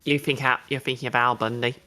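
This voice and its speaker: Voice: mid-range voice, fairly even intonation, fast talker, bright, forceful tone. A player at a tabletop game, making dry, pedantic remarks in casual chat.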